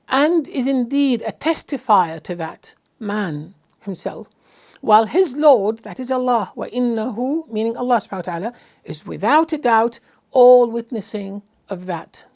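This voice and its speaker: A woman's voice: on the high side, lively intonation, moderate pace, darkish tone. A woman giving a Qur'anic translation lesson, explaining carefully with frequent fillers and restarts, and reciting Arabic verses.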